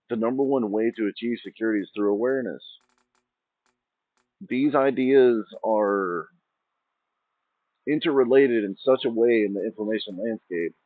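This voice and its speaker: On his own channel, a man of medium pitch talks in a casual, wandering way, breaking off and restarting sentences. The recording is dry and tinny, like a phone, with a faint bed of music.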